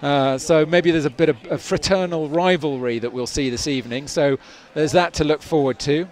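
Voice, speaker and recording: This live commentator at an outdoor climbing competition has a fairly high, slightly mellow voice and a moderate pace. He rambles through commentary and interviews with many fillers and restarts while the crowd is heard behind him.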